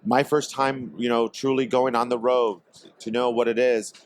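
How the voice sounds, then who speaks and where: A man from Portland, Oregon, guest on a podcast, speaking hesitantly with many pauses and fillers. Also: medium pitch, flat delivery. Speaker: guest, tobacco company executive. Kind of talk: casual podcast interview. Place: trade expo.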